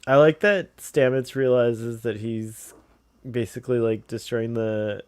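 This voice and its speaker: A man with a medium-pitched voice in a dry recording. He chats casually and comments offhand as a co-host. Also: steady tone, a little slow, clean tone, no echo. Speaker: watch-along co-host.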